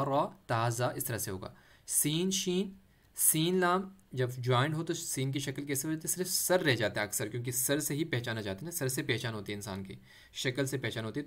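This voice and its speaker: A man teaching Quran reading, patiently saying letters one at a time and slowly drawing out recited words, with English words mixed in. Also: medium pitch, a bit bright. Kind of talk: letter-by-letter tajweed lesson.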